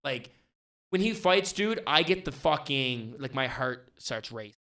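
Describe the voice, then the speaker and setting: A man's voice: medium pitch, lively intonation, measured pace, bright, forceful tone. A young man co-hosting a casual podcast, talking in a laid-back way with lots of filler words and swearing. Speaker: podcast co-host.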